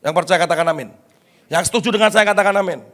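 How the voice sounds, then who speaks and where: Animated high-voiced preaching man. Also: fast talker. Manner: animated preaching, swings from loud to hushed; asks the congregation questions. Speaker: pastor. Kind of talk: sermon. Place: church.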